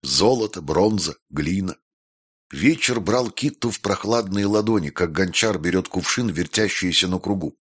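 A man's voice: deep voice, animated, moderate pace, fairly bright tone, breathy edge. A man narrating an audiobook, reading the prose and acting out the characters' voices. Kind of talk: scripted narration.

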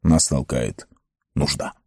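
A man voicing a grave, wise old male wizard who speaks in a measured way. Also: very deep voice, creaky, no echo, studio quality, voice pushed down, heavily acted.

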